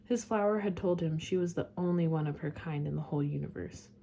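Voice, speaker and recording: A woman reading a storybook aloud chapter by chapter, at an unhurried pace. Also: low voice, creaky, warm tone, a little hiss or hum.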